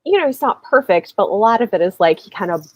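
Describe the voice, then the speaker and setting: A live show host leads a casual book discussion over an indoor livestream video call, rambling as she thinks aloud with plenty of fillers. She talks fast and is very animated, with a medium-pitched voice on a dry recording.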